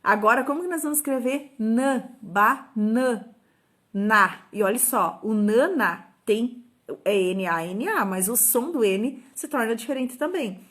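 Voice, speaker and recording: Middle-aged Brazilian woman teacher with a slightly high voice. Gives patient, informal step-by-step explanations and sounds out syllables. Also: expressive, a little slow, a bit bright. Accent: Brazilian Portuguese. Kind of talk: informal talk on teaching children to read.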